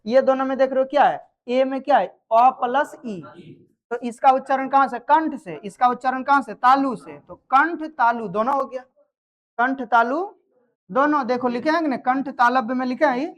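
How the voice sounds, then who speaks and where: A woman's voice: high voice, normal speed. A woman teaching a grammar class, quizzing students and checking that they follow. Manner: quizzes students, repeats answers, checks understanding. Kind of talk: live classroom lesson.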